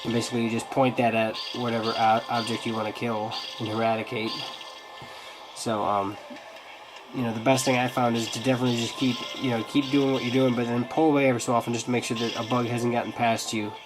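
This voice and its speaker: Speaking fast over music in a rough recording, a man hosts a casual review of a mobile game, commenting loosely on the gameplay demo as he goes. He's an app reviewer still recovering from a cold, so his medium-pitched, level voice comes out nasal and stuffed-up.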